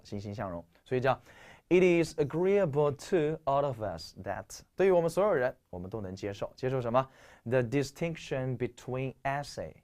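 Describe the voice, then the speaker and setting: This English vocabulary lecture comes from a man from China who is stuffed up and keeps clearing his throat. He sounds animated, with big swings in pitch, and repeatedly poses rhetorical questions to his class.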